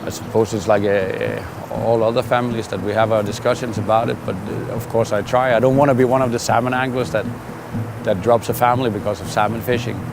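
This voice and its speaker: A middle-aged man from Denmark, a fishing guide, talking candidly and relaxed in a documentary interview with frequent "uh"s and restarts. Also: lowish voice, fairly quick, creaky. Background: music.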